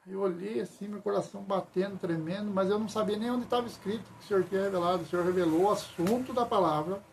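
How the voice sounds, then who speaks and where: A man's voice: high voice, fast, vocal fry, darkish tone, slight background noise. A man telling a church testimony, retelling it emphatically with lots of repetition. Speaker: church member giving testimony. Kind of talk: testimony storytelling.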